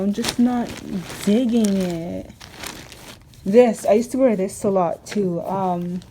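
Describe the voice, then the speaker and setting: A woman's voice: mid-range voice, mellow, slightly rough, low-quality recording. A young woman vlogging casually, rambling and chatty with lots of fillers while sorting clothes at home. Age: young adult. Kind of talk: casual vlog chat.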